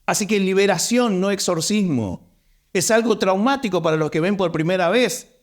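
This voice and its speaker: A man's voice: sits high, normal speed. A man with a Rioplatense accent preaching a sermon as pastor, stressing points by repeating words. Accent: Rioplatense Spanish.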